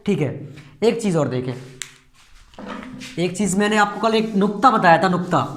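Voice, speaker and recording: High-voiced man teaching a lesson. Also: a bit bright, reverberant. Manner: explains step by step with rhetorical questions. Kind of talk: classroom lecture.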